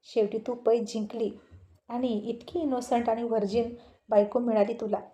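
A woman's voice: on the high side, level tone, normal speed, dark tone, lightly acted. A woman reading the part of a crude, teasing male friend who banters on the phone.

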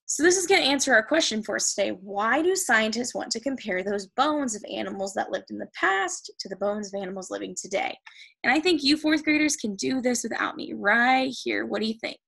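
An American woman teaching a recorded reading lesson to children, reading the text aloud slowly and then explaining it with enthusiasm. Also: on the high side, expressive, creaky, fairly bright tone, slightly rough.

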